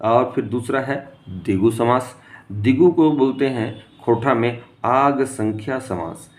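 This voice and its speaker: Male tutor, mid-pitched, drills terms by repeating them, quizzes the class rhetorically. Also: slow. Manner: asks rhetorical questions and answers them himself; repeats key terms for emphasis. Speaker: teacher. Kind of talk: exam-prep grammar lesson.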